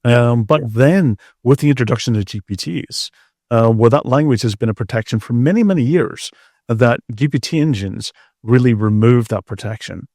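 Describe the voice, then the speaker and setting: A middle-aged security researcher, appearing as an expert guest, explains things in a conversational interview. His voice is medium-pitched and dark-toned, with a moderate pace. The studio-quality recording has no room sound.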